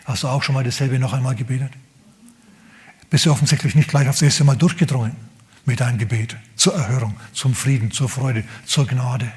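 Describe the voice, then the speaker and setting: A male pastor preaching a sermon, telling a story with animated emphasis, repeating words and dropping to whispers. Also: medium pitch, a little fast.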